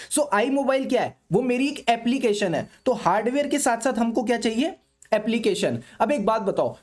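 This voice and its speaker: Young male lecturer, brisk revision style, poses questions and answers them himself, slows down for definitions. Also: high-pitched, a little mellow. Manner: asks and answers own questions, mixing Hindi and English; slows down reading English definitions. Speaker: CA exam lecturer.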